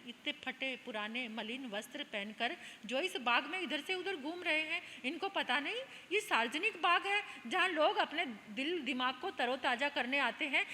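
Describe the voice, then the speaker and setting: A woman's voice: high-pitched, pushed and bright, long reverb tail, slight background noise, pitched above the performer's own voice. A woman voicing a haughty, scornful young prince in a told story, sneering and mocking.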